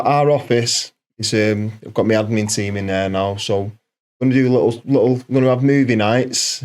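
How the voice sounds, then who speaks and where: A man's voice: mid-range voice, a little mellow. A man talking informally and matily as a guest in a casual chat. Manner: informal, matey. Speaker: podcast guest, community group organiser.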